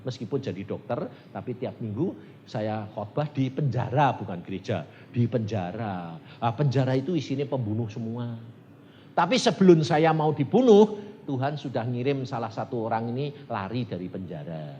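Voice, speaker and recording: An older man preaching a storytelling sermon in Indonesian with a Javanese-influenced accent, switching between hushed asides and shouted quoted voices. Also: mid-range voice, moderate pace, highs cut off. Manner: animated, shouts quoted voices, swings loud to soft. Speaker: evangelist preacher. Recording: reverberant hall with faint noise.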